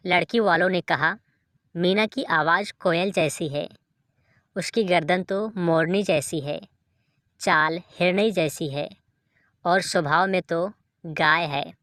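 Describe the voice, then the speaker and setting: A woman reading short jokes aloud in an even storytelling delivery, as a dry close voice-over. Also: fairly low pitch, slow, pauses often, no echo. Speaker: joke reader.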